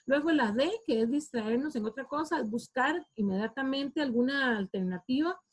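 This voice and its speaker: Woman, Costa Rican accent, slightly husky, fairly high voice, online workshop, video call. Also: moderate pace. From Costa Rica. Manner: informal, often adds "¿verdad?" and "este". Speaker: speaker in a parenting workshop.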